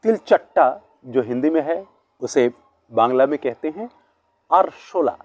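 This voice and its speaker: A man teaching word lists at a board, switching between two languages and slowly repeating each word's pronunciation. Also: a little high, expressive, a little mellow, dry recording. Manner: slow, repeated pronunciation of words. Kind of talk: bilingual vocabulary lesson at a board.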